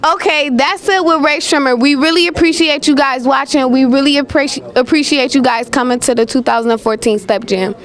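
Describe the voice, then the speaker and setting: A woman's voice: high-pitched, brisk, few pauses. A teenage girl hosting a teen TV show, asking interview questions in a chatty, upbeat way. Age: teens.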